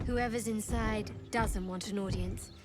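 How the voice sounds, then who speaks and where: Actress as a wary adventurer woman, medium pitch. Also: steady tone, unhurried, over music, close to an everyday voice.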